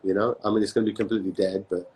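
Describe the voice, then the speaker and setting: A man hosting a casual live-stream interview, talking in quick bursts full of restarts. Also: lowish voice, flat delivery, darkish tone, slight background noise, poor audio. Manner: rapid, halting, many restarts and "man". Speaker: host.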